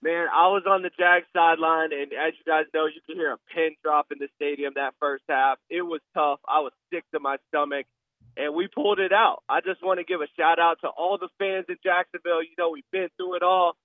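A man's voice: fairly high pitch, steady tone, fairly quick, no echo. An American man phoning a sports radio show as an enthusiastic fan, heard over a phone line. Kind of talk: enthusiastic fan call-in talk.

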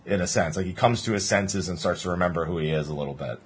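A man's voice: low voice, fast, husky. A man casually co-hosting a podcast, rambling through game lore with restarts and laughing banter. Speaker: podcast co-host.

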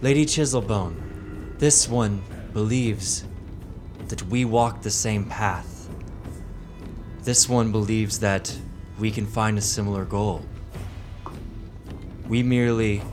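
A man playing a solemn, courteous pilgrim in a tabletop game, speaking in slow, formal, measured phrases. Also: lowish voice.

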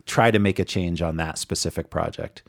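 A male podcast host from Northeast Ohio with a distinctly deep voice. He chats in a casual, informal manner, moving between discussion and listener-facing remarks. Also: normal speed, creaky. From Northeast Ohio, United States. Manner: informal, conversational.

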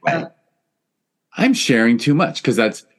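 A man's voice: mid-range voice, big pitch swings, normal speed, slightly rough. A man hosting a podcast in a casual, conversational interview style. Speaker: podcast host.

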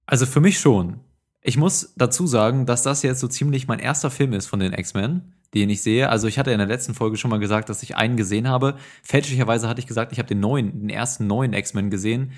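Male film podcast host: casual, colloquial, average pitch, conversational. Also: brisk. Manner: informal, colloquial.

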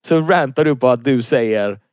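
A man's voice: mid-range voice, dry recording, clean studio sound. A man co-hosting a casual rant podcast, teasing his partner, cutting in and swearing freely. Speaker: podcast co-host.

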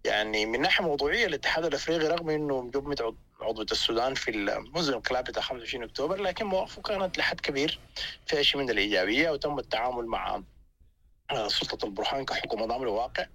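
A man from Sudan with a Sudanese accent giving spontaneous political analysis as an interview guest, often halting and repeating words as he searches for phrasing. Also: mid-range voice, animated, sharp tone.

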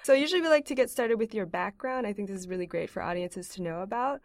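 A woman's voice: mid-range voice, expressive, quick pace, no room sound. A young woman in her twenties, a graduate student, hosting a podcast interview in a friendly, encouraging way. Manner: friendly, encouraging, frequent mm-hmms.

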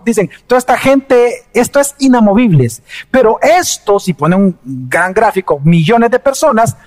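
A man preaching a sermon, speaking earnestly and conversationally and addressing listeners directly. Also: high voice. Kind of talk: sermon with storytelling. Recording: long reverb of a hall.

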